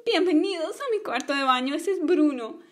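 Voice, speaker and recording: A woman's voice: high voice, expressive, moderate pace. A woman voicing a gloating villainous doll woman in a toy play story, mocking and cackling.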